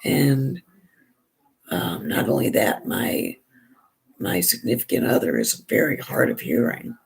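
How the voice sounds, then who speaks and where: A hoarse woman with a gravelly, raspy voice, chatting in a rambling way and restarting often while she does her makeup for a vlog. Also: a bass voice, wildly swooping pitch, unhurried, a little mellow. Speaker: beauty vlogger. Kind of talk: casual chat while doing makeup.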